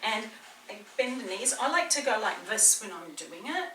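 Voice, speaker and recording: Very animated and a little high in pitch, this woman talks at a moderate pace over background noise while guiding a beginner through a workout. She's a personal trainer with a slight New Zealand accent, chatty, encouraging, and full of talk. A distant mic captures roomy echo and faint ambience in the small indoor room.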